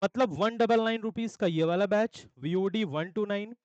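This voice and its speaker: A young man from India, an English teacher with an Indian accent, promoting his course batches in an energetic sales pitch, often checking in with listeners. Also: moderate pace, no room sound, highs cut off. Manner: mixes Hindi with English phrases. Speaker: English teacher for exam aspirants.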